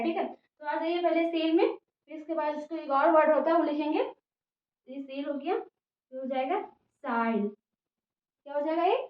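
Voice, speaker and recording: A woman teaches spelling and pronunciation, breaking words apart letter by letter and pausing to ask "okay?" between steps. Her voice is high. It sounds muffled and roomy, picked up from some distance away. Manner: spells words out letter by letter, repeats "theek hai" often. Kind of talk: English spelling and pronunciation lesson. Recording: muffled, echoey room, voice from a distance.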